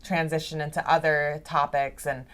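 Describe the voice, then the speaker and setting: A young adult woman joins a podcast by video call for a casual interview chat, laughing a lot and filling her talk with "like." Her low-set voice is a bit bright, with little pitch movement and a moderate pace.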